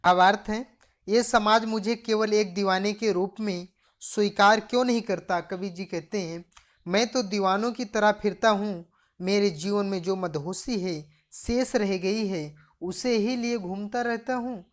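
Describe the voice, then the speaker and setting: A woman's voice: mid-range voice, a little slow. Woman teacher explaining a poem. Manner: recites each verse, then paraphrases it line by line. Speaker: Hindi teacher. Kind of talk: explaining a poem for a class lesson.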